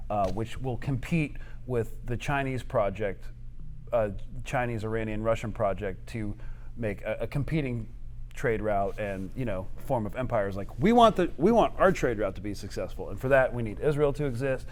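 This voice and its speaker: A man with a lowish voice gives a live talk, answering audience questions. He talks in quick analytical bursts, with frequent fillers and restarts. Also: darkish tone. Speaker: guest speaker answering questions.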